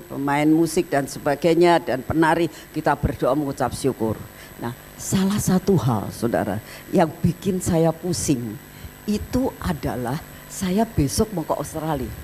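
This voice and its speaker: A woman pastor preaching a sermon as a lively story, acting out the quoted lines. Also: deep voice, a little hiss or hum, low-quality recording.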